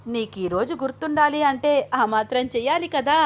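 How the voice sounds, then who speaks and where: Cheeky little sister voice, pleading and playful, high, woman putting it on. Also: normal speed, natural voice.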